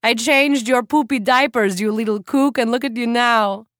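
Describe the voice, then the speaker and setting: Woman voicing old Czech lady, croaking and loud, high-pitched squeals, close and dry. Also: moderate pace, dry recording, lightly acted. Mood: boisterous. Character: tipsy older Czech woman, doting and brash.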